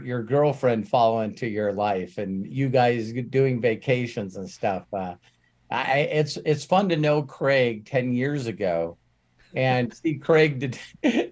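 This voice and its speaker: A man's voice: mid-range voice, darkish tone. A man hosting an interview podcast in casual chat, effusive and affirming, and laughing easily. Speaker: podcast host.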